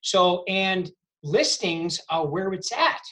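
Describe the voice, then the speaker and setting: A man's voice: high-pitched, expressive, slow pace, pushed and bright. A middle-aged man coaching a real estate team over a video call, punchy and repeating his points for emphasis. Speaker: sales coach.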